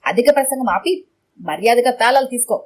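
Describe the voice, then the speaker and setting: A woman narrator voicing a gruff, blustering male burglar with a knife. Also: very high-pitched, lively intonation, a little fast. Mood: gruff threatening.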